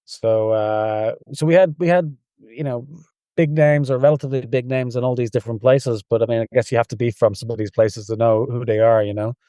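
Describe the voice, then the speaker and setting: A man with a soft Dublin Irish accent, telling stories in a relaxed, rambling way as a podcast guest. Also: medium pitch, a little fast, no echo, dull audio. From Ireland. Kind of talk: casual interview.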